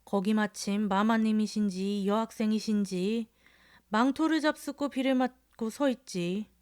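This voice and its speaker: A woman voicing a crude, drunken middle-aged male rickshaw puller in a storybook reading, shouting and cursing. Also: mid-range voice, a little slow, clear, resonant tone, dry recording, clean studio sound, close to an everyday voice. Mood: mocking.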